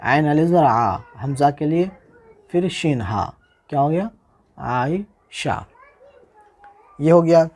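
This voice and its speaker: A man teaching Urdu handwriting, spelling each word slowly and repeating it, often asking how the letters are joined. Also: fairly high pitch, expressive, darkish tone. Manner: slow, patient, repeats each word and asks "how will we join this?". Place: indoors, recording a tutorial without a camera.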